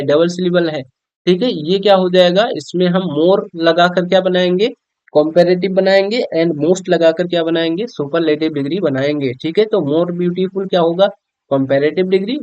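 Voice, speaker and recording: A man's voice: high voice, a little mellow, clean tone, dry recording. A man with a Hindi accent teaching a grammar lesson to school students, often asking "okay?" as he explains. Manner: addresses students as children, frequent "theek hai" check-ins. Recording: dull, dry lo-fi recording.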